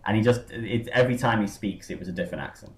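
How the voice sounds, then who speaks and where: Low-voiced man chatting in an echoey room. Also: quick pace. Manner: rambling, lots of fillers and tangents. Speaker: podcast host. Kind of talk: casual chat. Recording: roomy echo.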